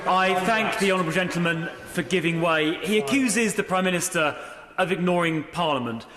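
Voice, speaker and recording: Male MP, heated parliamentary debate, forceful formal delivery, echoey chamber with long reverb. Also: sits high, expressive, fairly quick. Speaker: member of parliament. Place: large indoor debating chamber. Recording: echoey chamber with crowd noise.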